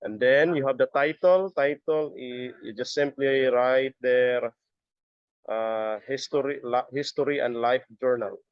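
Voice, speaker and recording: A middle-aged man giving a step-by-step software tutorial as an instructor, halting and often repeating his words. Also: mid-range voice, fairly even intonation, clean tone, dry recording. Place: busy area, on a video call or webcam setup. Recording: dull lo-fi audio.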